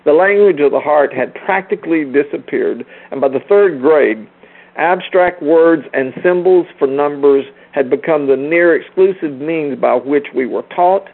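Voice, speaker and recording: Man, sermon-style teacher, emphatic, rhetorical repetition, gravelly fry, dull lo-fi sound. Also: fairly high pitch. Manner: emphatic, rhetorical, repeats phrases for stress; addresses listeners directly with questions and commands. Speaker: speaker teaching a group. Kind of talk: sermon-like spiritual lecture.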